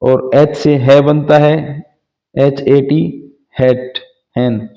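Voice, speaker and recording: A man's voice: on the high side, little pitch movement, takes it slowly, warm tone. A man teaching English phonics, spelling out words letter by letter and sounding each part patiently. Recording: dull lo-fi sound.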